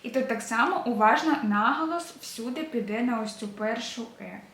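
A woman's voice: fairly high pitch, fairly bright tone, a little hiss or hum. A woman teaching a beginners' Spanish lesson, patiently repeating verb endings and stress points. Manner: patient, drills endings slowly and repeats them. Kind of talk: explaining a language lesson. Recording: echoey room.

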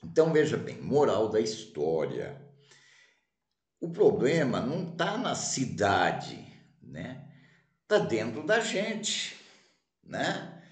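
A man's voice: mid-range voice, wildly swooping pitch, drawn-out words, long pauses. A man hosting a checkers channel, talking casually and tagging almost every phrase with "né?". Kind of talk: casual commentary and storytelling. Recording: roomy echo.

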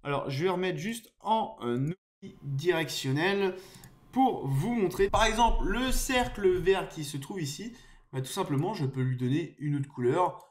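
A man's voice: a little high, unhurried. A man giving a casual, explanatory microphone tutorial, hesitant and full of fillers, recorded on a USB desk microphone at home. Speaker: tech YouTuber reviewing a microphone. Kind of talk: casual screen-share tutorial. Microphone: USB desk microphone under test.

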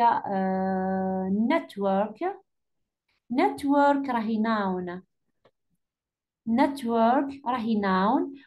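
Woman, Algerian Arabic accent, English teacher, exam correction, patient, repeats words slowly, slightly high. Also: a little mellow.

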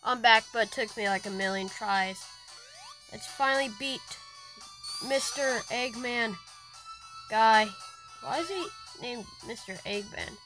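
A woman giving casual gaming commentary as a channel host, chatty and excitable and quick to grumble about the game. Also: on the high side, over music, low-quality recording.

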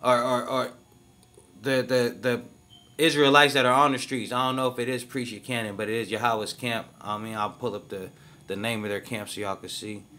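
A man's voice: medium pitch, flat delivery, normal speed, sharp tone, slight background noise. A man giving casual, slangy video commentary in an emphatic way, often asking "you feel me".

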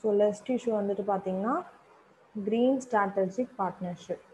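A woman with a Tamil accent explains current affairs in an unhurried revision lecture, her voice mellow and soft-edged. She moves between Tamil and English, pausing on fillers and restarting phrases as she goes. A faint hiss sits under the recording. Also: mid-range voice, rough recording.

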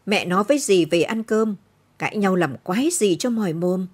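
A woman's voice: mid-range voice, animated, moderate pace, a little mellow, breathy edge. A woman voicing an indifferent older village man who speaks in a slurred, careless drawl.

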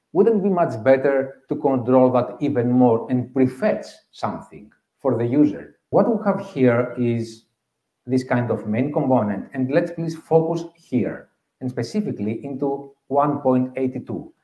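A mellow, medium-pitched Greek man in his thirties gives a tech talk with a Greek accent, breaking things down step by step and going back over key points. The setting is a meeting room with an audience, and the audio is roomy and slightly dull.

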